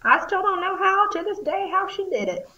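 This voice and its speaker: A woman's voice: very high-pitched, big pitch swings, normal speed, sharp tone, highs cut off, heavily acted. Field: a young woman playing a sweet, frail old grandmother. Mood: wistful. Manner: tender, heartfelt storytelling. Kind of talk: amateur audio drama.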